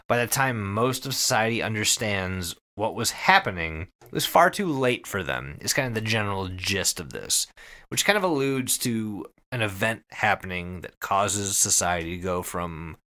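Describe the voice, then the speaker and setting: A man with a low, sharp-toned voice speaks animatedly at normal speed while hosting a podcast. He gives a casual rundown of an internet horror story, swearing, stressing his points hard and tossing in wry remarks.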